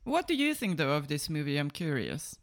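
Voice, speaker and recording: A woman's voice: deep voice, big pitch swings, brisk. A woman co-hosting a casual movie-review podcast, retelling scenes with blunt sarcasm. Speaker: podcast co-host.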